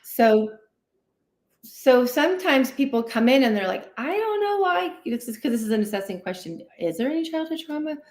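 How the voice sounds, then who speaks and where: With a high, sing-song, slightly mellow voice at a moderate pace, a woman guest therapist who is a licensed clinical social worker explains conversationally and animatedly during a livestream interview. She acts out inner voices and checks in with "right?" often. Echoey, roomy sound.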